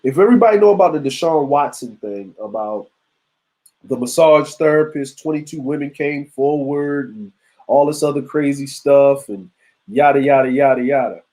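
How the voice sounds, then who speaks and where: A man's voice: medium pitch, moderate pace, dark tone, low-quality recording. A man around forty hosting a live stream, talking loosely and conversationally with slang and asides to his chat. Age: 40s. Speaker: show host. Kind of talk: casual live-stream commentary.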